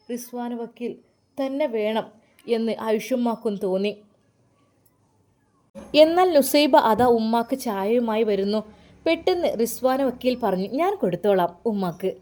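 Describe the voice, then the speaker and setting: A woman narrating a dramatic family story in an emotive, expressive reading style. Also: on the high side.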